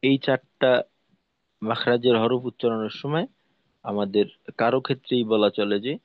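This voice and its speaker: Guy teaching letter sounds, slow and patient, repeats stuff, dry kinda dull recording. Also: mid-range voice, no echo. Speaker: Quran recitation teacher. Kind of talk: explaining pronunciation in a lesson.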